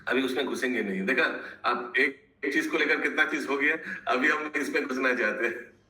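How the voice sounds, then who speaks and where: Guy teaching a scripture class over a video call, chatty, super bright voice, echoey room. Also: mid-range voice, a little fast. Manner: conversational, answers questions, mixes English phrases. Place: home, online video call.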